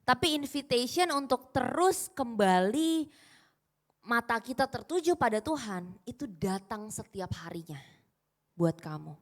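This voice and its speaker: A woman's voice: a little high, very animated, a little slow. A young woman gives a casual, conversational sermon and often puts questions to the congregation. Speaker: preacher.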